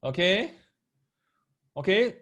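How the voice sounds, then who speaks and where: A man's voice: high voice, big pitch swings, slow pace, a bit bright. A man with a Singaporean accent and Singlish particles, teaching maths in a live online lesson, explaining step by step, repeating phrases and checking that listeners follow. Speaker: maths tutor teaching parents and children.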